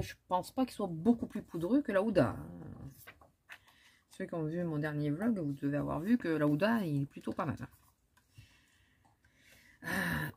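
A woman's voice: low-pitched, slight background noise. A woman, chatting casually through a makeup haul with many fillers and restarts. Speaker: beauty vlogger. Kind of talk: casual haul chat with swatches.

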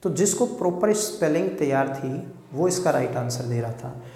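A man's voice: medium pitch, animated, moderate pace, creaky, dark tone. Man teaching in an echoey room. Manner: explanatory, repeats points, checks with "ठीक है". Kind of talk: exam-prep grammar lesson. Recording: echoey room with long reverb.

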